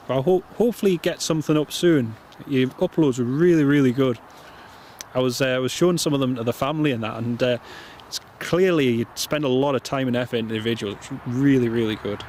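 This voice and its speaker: Man, Northumbrian accent near Geordie, mid-pitched voice, friendly live stream commentary, repeated phrases, faint outdoor noise. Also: fairly quick, a little mellow. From North East England. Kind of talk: casual live planespotting commentary, chatting to viewers. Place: outdoors by an airport runway.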